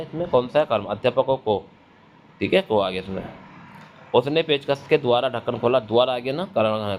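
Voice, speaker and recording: Man, teacher, exam-prep grammar lesson, quizzes himself, repeats key terms, mid-pitched voice. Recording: dull lo-fi recording with faint noise.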